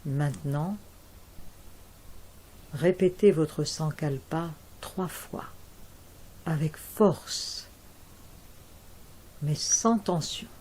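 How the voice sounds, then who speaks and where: A female instructor guides a yoga nidra relaxation in a low voice. Her instructions are calm and measured, with deliberate pauses.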